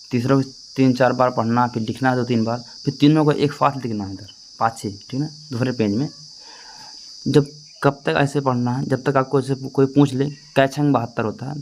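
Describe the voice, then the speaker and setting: Male maths teacher, patient, sing-song chanting of tables, keeps checking in, soft crickets behind. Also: mid-range voice, slight background noise, poor audio. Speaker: math teacher. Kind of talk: classroom-style tutorial.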